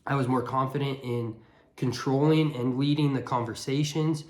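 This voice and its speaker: A man's voice: mid-range voice, steady tone, normal speed, darkish tone. A man giving a casual, earnest motivational monologue, speaking bluntly and repeating words for emphasis. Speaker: motivational vlogger. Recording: echoey room.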